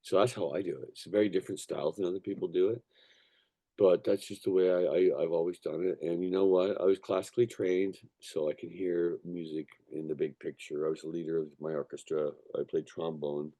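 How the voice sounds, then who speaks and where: Very deep, gravelly-voiced man telling stories. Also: fairly even intonation, fairly quick, warm tone. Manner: sweary, emphatic, repeatedly checks listener with "you know" and "right". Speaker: musician, songwriter and record producer being interviewed. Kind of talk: casual rambling interview storytelling.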